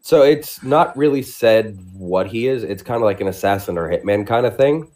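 A man's voice: on the low side, expressive, normal speed, a little mellow. A man co-hosting a podcast, chatting casually about movies in long, rambling explanations with frequent restarts. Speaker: podcast co-host. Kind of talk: casual chat.

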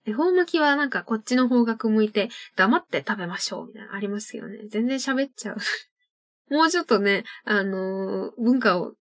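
A woman's voice: fairly high pitch, animated, moderate pace. A young woman hosting her own internet radio show, chatting casually and laughing at her own tongue-twister slips. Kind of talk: casual solo radio talk.

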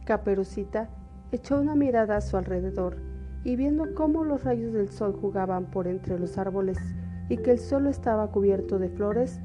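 A woman's voice: medium pitch, moderate pace, highs cut off. A woman narrating a scripted fairy tale as a storyteller. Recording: music behind the voice.

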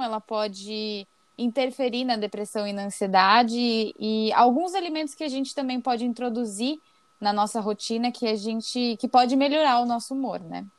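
A woman's voice: a little high, dry recording. A young woman hosting an interview, asking questions and answering with short affirmations. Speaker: host, project coordinator.

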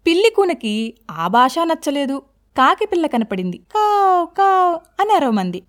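A woman host telling a children's story in a lively, expressive singsong way. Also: high-pitched, moderate pace.

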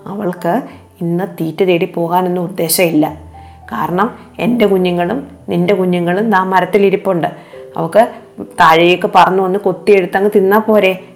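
A woman's voice: lowish voice, steady tone, moderate pace, faint music behind, natural voice. A woman voicing a scheming, gossiping mother cat in a told children's story, speaking in a sly, persuasive way.

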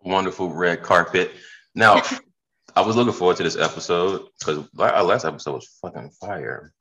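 A man's voice: deep voice, moderate pace, bright, forceful tone, breathy edge, highs cut off. A hungover man hosting a podcast in loose, slangy, profane, rambling casual chat. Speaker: podcast host.

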